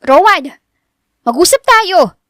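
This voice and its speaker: Woman voicing an eager young heiress in an audiobook, raised and bright. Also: high-pitched, lively intonation, no room sound, clean studio sound, voice pushed up. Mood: pleading. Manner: eager and bright, quick to exclaim. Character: bubbly, outspoken young rich woman. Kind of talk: audiobook character reading.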